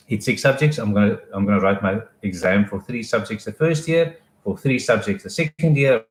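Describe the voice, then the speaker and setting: Casual, echoey man. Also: on the low side. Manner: casual and explanatory, with restarts and asides. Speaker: education advisor. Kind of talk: live informational talk.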